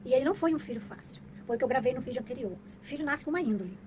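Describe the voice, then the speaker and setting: Mom lecturing about raising kids, high voice, rattles along fast, noisy background. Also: female voice, lively intonation, a little mellow. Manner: emphatic, preachy, repeats points for stress. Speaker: mother giving parenting advice. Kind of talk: casual monologue to viewers.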